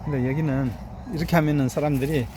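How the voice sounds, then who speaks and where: This middle-aged man talks fast in a steady, somewhat high voice over background noise. He's a grape farmer giving a casual vlog tour of his outdoor vineyard, boasting about his harvest, pressing the viewer to look, saying "look here" again and again and tossing in "eh?"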